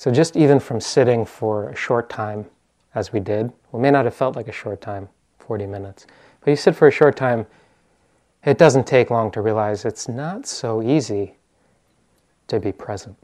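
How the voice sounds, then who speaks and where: An American man from the East Coast, a teacher, gives an informal meditation talk in a medium-pitched, dark-toned voice. He sounds hesitant, often pausing to search for words.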